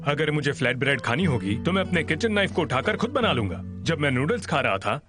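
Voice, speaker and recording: A man's voice: on the high side, sing-song, fast talker, over music. A man dubbing a proud, stubborn man who insists on refusing help, in a drama. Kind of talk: Hindi dub of a drama.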